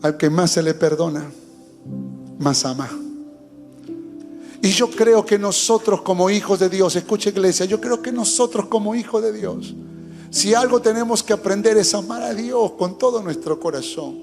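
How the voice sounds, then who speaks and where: High-voiced man preaching fervently. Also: moderate pace. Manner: fervent, urging, testimonial preaching. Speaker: pastor. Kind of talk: sermon. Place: church hall. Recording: long hall reverb with faint music.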